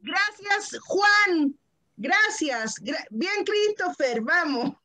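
A woman kindergarten teacher, slowly sounding out syllables for small children over a video call and encouraging them patiently. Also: extremely high pitch, lively intonation, sharp tone. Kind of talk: online phonics lesson for young children.

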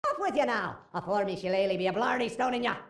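Squeaky, irritable little leprechaun. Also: male voice, animated, fast talker, fairly bright tone, roomy sound. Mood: irritated, brusque. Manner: leprechaun-like, squawky, brusque, impatient. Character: small irritable male leprechaun, cheeky and grumpy. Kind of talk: video game enemy barks.

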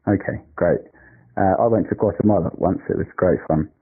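A man calling in on a phone line, measured and lecturing, turning abusive. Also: deep voice, breathy edge. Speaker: caller. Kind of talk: phone call.

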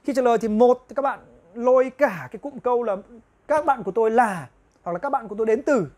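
A woman teaching an online grammar lesson, explaining step by step and repeating example phrases slowly. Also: on the high side, a little mellow. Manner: explains step by step, often asking the viewers "right?". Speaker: English teacher.

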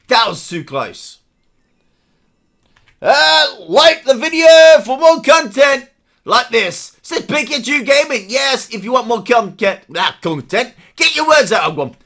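A live game streamer talks through play in a bright, sharp voice. The pitch leaps all over the place as they shout and repeat themselves. They keep up a running, excitable commentary and read chat aloud.

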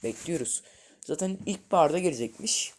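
Man, gaming host, live gameplay commentary, excitable, loud outbursts then low mutters, chatty with viewers. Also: normal speed. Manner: talks straight to viewers as friends.

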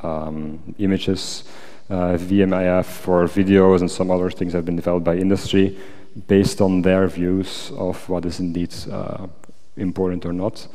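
A man's voice: deep voice, little pitch movement, moderate pace, hardly any pauses, mellow. A man answering academic questions at a thesis defense, hesitant and hedging with many qualifications. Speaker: PhD candidate answering examiner questions. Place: large wooden lecture auditorium. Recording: echoey lecture hall, long reverb.

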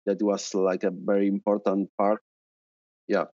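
A man's voice: fairly low pitch, level tone, a little slow, warm tone, a little hiss or hum. A man in his thirties from Argentina, speaking English with an Argentine Spanish accent as a panelist, hesitant with many fillers and restarts, on a headset over a video call. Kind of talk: conference panel talk. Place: home room, indoors. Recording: dull video call audio.

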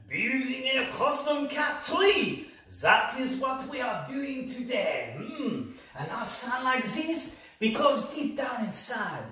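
A man's voice: extremely high pitch, a bit bright, full character voice. A man voicing a suave, sexy male cat-tree designer with a put-on French accent, playful and seductive. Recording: very echoey room, mic far off.

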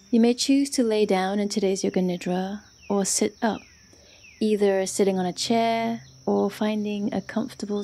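A woman instructing a guided yoga nidra meditation speaks softly and reassuringly in a mid-range voice with vocal fry. She uses short phrases with long pauses, and there is slight background noise.

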